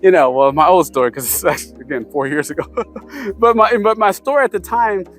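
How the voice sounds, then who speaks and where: A man's voice: sits high, a little fast, fairly bright tone, faint music behind. A man casually giving tips to camera, rambling with many fillers and restarts. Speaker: vlogger sharing language-learning tips.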